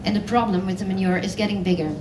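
A woman's voice: medium pitch, fairly even intonation, fast. A woman designer speaking on a conference panel on stage, earnest and with many fillers. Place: large hall on stage. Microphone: headset. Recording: roomy hall, mic at a distance, noisy.

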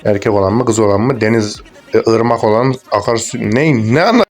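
Crude joking young man, lowish voice. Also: a little fast, faint music behind. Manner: crude, joking, rambling, swears a lot. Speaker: gaming YouTuber. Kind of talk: casual gameplay commentary.

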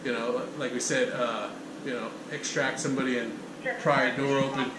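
A man's voice: mid-range voice, flat delivery, normal speed. A man instructing firefighters in a casual hands-on demonstration style. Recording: noisy echoey indoor space, distant.

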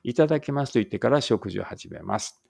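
A man teaching an English read-aloud lesson, reading Japanese lines and then slow, careful English, sometimes stopping to check pronunciation. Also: mid-range voice, animated, creaky, a little mellow, breathy edge, dry recording, clean studio sound.

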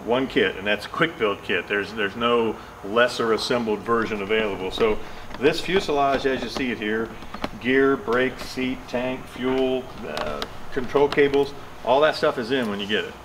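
A man's voice: mid-range voice, moderate pace, recorded from a distance. An older man giving a factory tour of aircraft kits in a hangar, explaining with many fillers and restarts. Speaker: aircraft kit manufacturer. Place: large aircraft workshop hangar. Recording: noisy hangar background.

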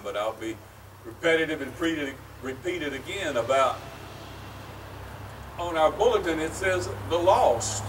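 Middle-aged man, pastor, slow deliberate outdoor sermon, slightly higher voice, mic well off, faint hiss. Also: distant mic. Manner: slow, earnest preaching with pauses. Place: outdoors by a brick church. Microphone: far camera, at a wooden pulpit.

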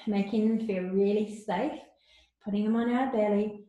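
A woman teaching a yoga lesson to young children, talking softly and encouragingly, with breathy sighs during breathing exercises. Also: mid-range voice, fairly even intonation, moderate pace, lo-fi sound. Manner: soft, encouraging, coaxing. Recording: very echoey room.

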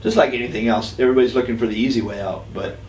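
A man's voice: mid-range voice, fairly even intonation, rapid-fire, darkish tone, faint music behind. A man being interviewed, telling loose, casual stories about truck builders, now and then with a curse. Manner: loose, profane storytelling. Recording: distant mic, roomy echo.

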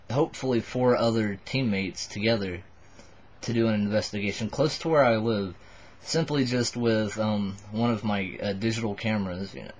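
Low-pitched man in his twenties, slightly drunk, halting rambling vlog talk, dull lo-fi webcam sound. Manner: tipsy, buzzed, halting and rambling. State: a little drunk. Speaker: vlogger addressing subscribers. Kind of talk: rambling casual confessional to camera. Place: small wood-panelled bedroom indoors.

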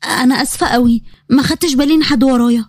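A woman's voice: sits high, racing, darkish tone, no echo, clean studio sound. A woman voicing a modest, shy young female student with an Egyptian accent, polite and earnest. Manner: polite, earnest, a bit flustered.

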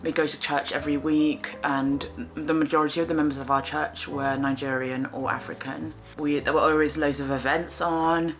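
A woman, talking to camera in a soft-spoken, reflective way while knitting in a small living room. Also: sits low, flat delivery, normal speed, few pauses. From England. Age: 20s. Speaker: fibre artist and vlogger.

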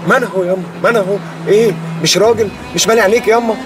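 A man's voice: high voice, steady tone, racing, natural voice. An actor with an Egyptian accent playing a young man insistently begging his mother to come home. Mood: pleading. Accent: Egyptian Arabic. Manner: pleading, insistent. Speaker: son pleading with his mother. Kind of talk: Egyptian TV drama acting. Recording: music under the scene.

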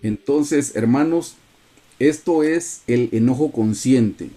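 A man's voice: medium pitch, slow, mellow. Earnest man teaching a Bible study. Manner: earnest, repeatedly addresses listeners as brothers. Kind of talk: sermon-style Bible teaching over a video call. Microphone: video call.

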